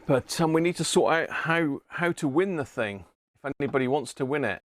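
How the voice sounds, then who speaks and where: With lively intonation and a pitch on the high side, this British man talks a little fast, recorded with clean studio sound and no room sound. He's hosting a casual CB radio livestream from his indoor radio room, rambling, musing aloud and making chummy asides to viewers.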